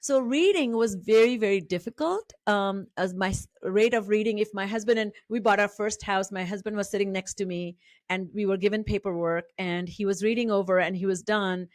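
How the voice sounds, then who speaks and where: A middle-aged Indian woman whose native language is Marathi hosts an interview podcast in Indian-accented English. She speaks in a measured way, with lots of fillers and restarts, at a medium pitch and with no echo.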